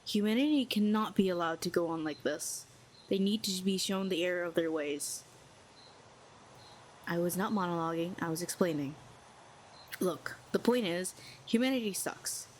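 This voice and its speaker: In an audio roleplay, a woman plays a proud, cynical, lonely telepathic villainess, speaking coolly and sardonically with a needling edge. Her voice sits a little low and moves at a moderate pace. A faint hiss runs beneath the recording.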